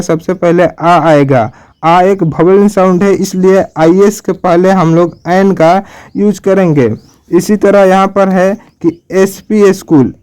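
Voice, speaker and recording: A man with a Hindi accent teaching English grammar online, explaining slowly and repeating each example letter by letter. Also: high-pitched, a little mellow, clear, resonant tone. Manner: slow, repetitive explaining, spelling out letters.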